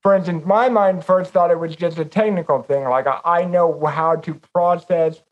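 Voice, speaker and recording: Man with a slightly high, dull voice. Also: steady tone, normal speed. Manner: reflective, rambling. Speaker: podcast co-host. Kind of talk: casual conversation.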